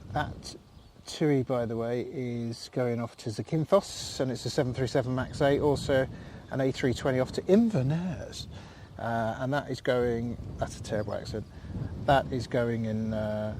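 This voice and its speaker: Man, casual live commentary, chatty and rambling, medium pitch, standing outdoors, faint noise behind. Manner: chatty, thankful, rambling with fillers. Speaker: livestream host. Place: outdoors in a field.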